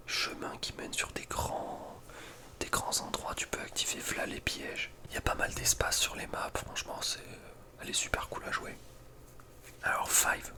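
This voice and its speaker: A young man, an ASMR video creator, whispers laid-back gaming commentary, sounding slangy, informal and a bit hesitant.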